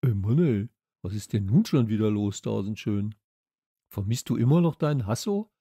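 A man's voice: lowish voice, expressive, moderate pace, dark tone, breathy edge, dry recording, studio quality. A man voicing a good-natured schoolboy in a children's audiobook, talking in loose street slang. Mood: casual.

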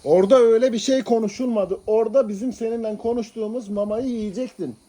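High-voiced man coaxing his pets. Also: fairly even intonation, fast, warm tone. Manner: coaxing, pleading pet talk. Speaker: pet owner. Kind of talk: casual talk to pets.

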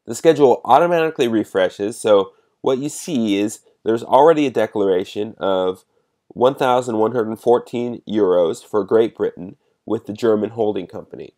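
A fairly low-voiced man narrates a software demonstration, explaining each step in a measured, instructional way like a presenter guiding users through a program.

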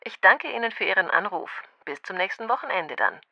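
A woman's voice: medium pitch, animated, a little fast, vocal fry, dry recording, highs cut off. A woman playing a helpful, businesslike restaurant manager in a language-course dialogue, speaking courteously.

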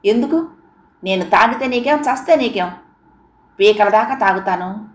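A woman's voice: mid-range voice, expressive, a little slow, close to an everyday voice. A lady reading as an angry dumped young guy, scornful, roomy echo. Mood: angry, bitter. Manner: bitter, scornful pleading. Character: jilted young man, bitter and angry. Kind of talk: audiobook character reading.

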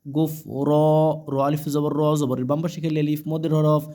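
A man teaching Quran reading, spelling out each letter and vowel mark slowly, then chanting the joined words. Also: fairly high pitch, flat delivery, dark tone. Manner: slow, syllable-by-syllable spelling with drawn-out recited phrases.

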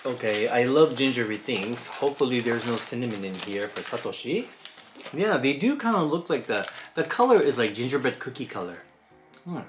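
A woman's voice: rumbling low, very animated, moderate pace, noisy background. A woman hosting a food review, chatting casually and thinking aloud while tasting snacks.

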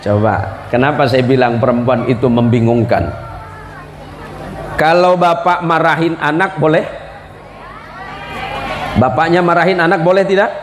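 A man's voice: fairly high pitch, measured pace, pauses often. A middle-aged man giving a humorous sermon, teasing the audience and asking them questions. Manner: joking, teasing, asks the crowd questions. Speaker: preacher. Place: large hall at a religious school celebration. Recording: long hall reverb with crowd and noise.

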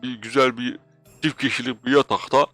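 A young man narrates a block-building game role-play in a loud, playful and exaggerated manner. His voice sits at a middle pitch, with faint music running underneath. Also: fairly even intonation, brisk, dry recording. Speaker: gaming channel host.

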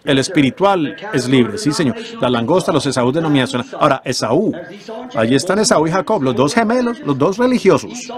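A man interpreting a sermon in an earnest preaching voice, often turning to the congregation with rhetorical questions. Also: on the high side. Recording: congregation noise from an old sermon tape behind the voice. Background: congregation in a church.

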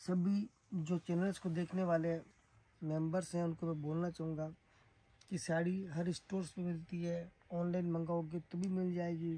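A man from Rajasthan, giving an emphatic, repetitive sales pitch for the sarees he makes. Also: level tone, normal speed, warm tone, a little hiss or hum, poor audio. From Rajasthan, India. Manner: emphatic, repetitive praise of the goods. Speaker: saree seller and manufacturer. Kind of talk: sales pitch showing products.

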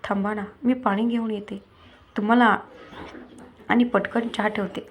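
A woman's voice: medium pitch, fairly even intonation, measured pace, a little hiss or hum, natural voice. A woman voicing a devoted, strong-willed wife who talks with emotion and insistence. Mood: shocked.

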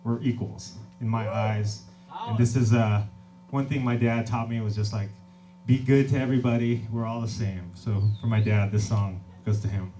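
Between songs at a packed little club, a man who writes songs and runs a label banters casually, joking about himself and often laughing. He speaks at a normal pace in a lowish voice. The sound, taken from the audience off a stage mic on a stand, is a distant live recording with acoustic guitar and crowd in the background.

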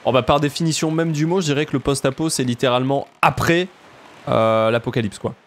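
A man with a southern French accent, chatting casually and jokily while playing a game, often jumping up in pitch for emphasis. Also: fairly quick. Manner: chatty, jokey, jumps to high pitch for emphasis. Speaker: let's play streamer. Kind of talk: casual gameplay commentary.

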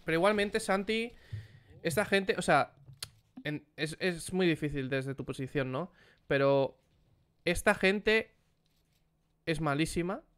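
A man hosting a casual gaming chat, animated and swearing as he exclaims over the gameplay. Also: on the high side, slow pace, pauses often, smooth. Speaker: streamer host.

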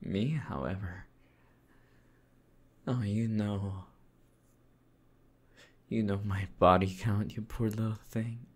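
Sly, cheerfully cruel demon lord, played by a man; whispered role-play, slow drawling pace, mocking sing-song delivery. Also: fairly low pitch, fairly even intonation, breathy edge. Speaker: voice actor.

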